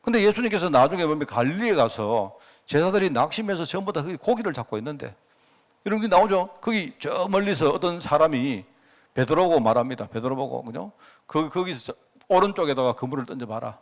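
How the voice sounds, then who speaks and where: A man's voice: a little high, animated, fairly quick. A middle-aged man with a Gyeongsang Korean accent preaching a conversational prayer-meeting sermon, telling stories with frequent asides to the congregation. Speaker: pastor.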